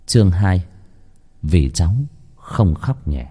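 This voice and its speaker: A man narrating a horror story in lively, colloquial storytelling. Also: deep voice, slow, husky.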